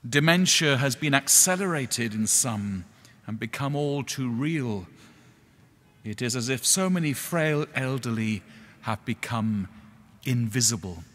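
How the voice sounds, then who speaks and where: Earnest middle-aged preacher in echoey church. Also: male voice, mid-range voice, expressive, fairly bright tone. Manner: measured, earnest, slow pauses on key words. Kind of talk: sermon.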